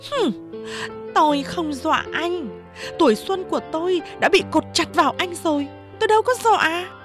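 A woman voicing a jealous, sharp-tongued young woman who scolds and mocks in a high, scornful voice. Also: expressive, moderate pace, over music. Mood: threatening.

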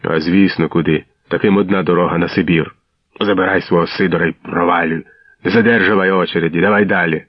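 A man's voice: deep voice, fairly even intonation, fast talker, no echo. A man voicing a coarse, mustached tsarist gendarme who barks and mocks, on a dull lo-fi radio recording. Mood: gruff. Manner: rude, mocking, barking.

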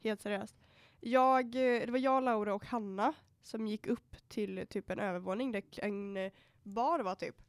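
A young woman co-hosting a casual podcast, telling an animated story, acting out what she said, swearing freely and dropping in English phrases. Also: mid-range voice, clean tone, no echo. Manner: animated storytelling, quoting herself. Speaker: podcast co-host. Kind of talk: casual chat.

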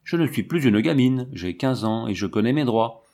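A man's voice: mid-range voice, animated, normal speed, dark tone, lightly acted. A man voicing a defiant teenage girl. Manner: indignant, cutting. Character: defiant fifteen-year-old girl, fierce and bold.

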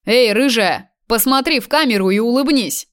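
A man's voice: extremely high pitch, normal speed, a bit bright, smooth, pitched above the performer's own voice. A woman reading the part of a cruel, vengeful male kidnapper who taunts and gloats. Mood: mocking. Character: vengeful cruel young man kidnapper, mocking.

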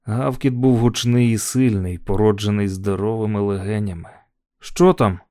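A man narrating an audiobook story in a measured, calm telling. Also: lowish voice, no room sound, clean studio sound.

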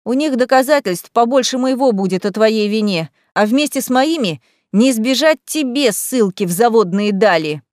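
A woman's voice: fairly high pitch, expressive, moderate pace, few pauses, darkish tone, dry recording, studio quality, natural voice. A woman voicing a blunt, earnest young man standing up to his mother in a storybook. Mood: defiant. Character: plain-spoken young man, defiant son.

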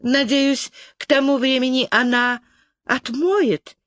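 A reader doing a sharp-tongued young girl. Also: high voice, steady tone, no echo, pitched above the performer's own voice. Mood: teasing. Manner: quick, teasing.

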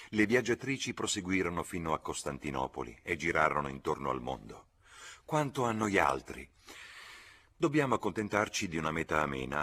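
A man reads a literary novel aloud with a very deep, husky voice that carries a bright, forceful edge. His pacing is measured and expressive throughout. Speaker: audiobook reader. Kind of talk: literary reading.

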